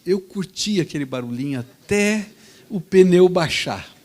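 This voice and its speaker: A man preaching in a church, telling a story vividly and swinging between loud and soft. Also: high-pitched, lively intonation, a little slow. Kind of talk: storytelling sermon.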